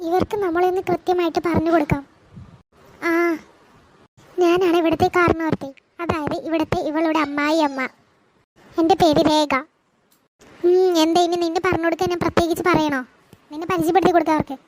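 A woman's voice: extremely high pitch, level tone, fairly quick, pauses often, darkish tone. A woman voicing a harsh, bossy mother-in-law in a cartoon who scolds and barks orders. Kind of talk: cartoon voice acting.

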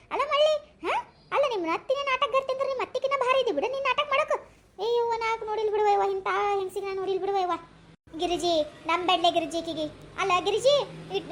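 A woman voicing a sharp-tongued, stubborn old grandmother with a North Karnataka accent, scolding in coarse village speech in a comic sketch. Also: very high voice, a little hiss or hum. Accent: North Karnataka Kannada.

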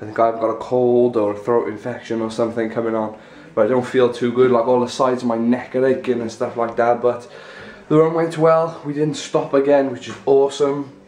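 Congested and sore-throated, a young adult vlogger chats with a flat, slightly fast delivery, his medium-pitched voice darkish in tone and rarely pausing. He rambles in run-on sentences, holding the camera at arm's length as he moves through small rooms at home.

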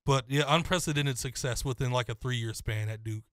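A young man co-hosting a casual sports talk show, giving a confident, detailed breakdown in a steady flow. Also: medium pitch, normal speed, no echo, studio quality. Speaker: co-host.

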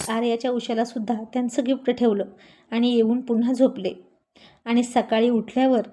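A woman narrating a serialized love story, voicing every character expressively. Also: a little high. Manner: expressive, acts out all characters.

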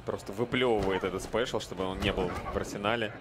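A man's voice: lowish voice, fairly even intonation, a little fast, over loud music. A man giving casual live commentary on a game match as a co-commentator. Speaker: esports co-commentator. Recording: clearly noisy event ambience.

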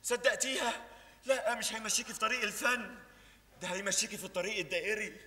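An actor playing an excitable, lovesick young man with an Egyptian accent in a stage comedy, who bursts into loud shouting. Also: high-pitched, fast, a little hiss or hum. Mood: pleading. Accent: Egyptian Arabic. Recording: reverberant theater stage.

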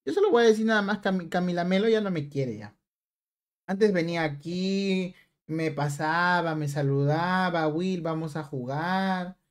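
A man's voice: sits high, normal speed. A young man hosts a live game stream, chatting playfully with viewers. He teases them in a casual, joking tone and reads their messages aloud. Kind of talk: live stream chat while gaming.

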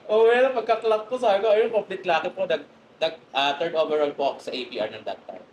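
A man hosts a relaxed interview and keeps his guest talking with quick, encouraging reactions. His voice sits a bit higher than most men's. The room adds a clear echo, with a faint hiss underneath. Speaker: podcast host. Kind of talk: casual interview chat.

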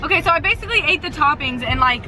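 A woman's voice: high voice, expressive, very fast, crowd noise. A young woman chatting casually with a friend on a vlog, making short offhand remarks. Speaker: vlogger's friend. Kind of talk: casual chat. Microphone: handheld camera. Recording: noisy handheld camera audio.

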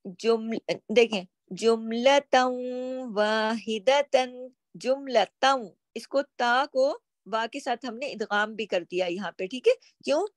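A woman's voice: a little high, expressive, a little slow, no room sound. A woman teaching Quran recitation rules, stretching out example words and then explaining them.

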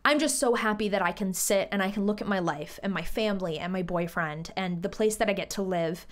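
A woman's voice: medium pitch, a little fast. A young woman hosting a solo podcast, talking in a casual, earnest and chatty way with a lot of fillers. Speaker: podcast host.

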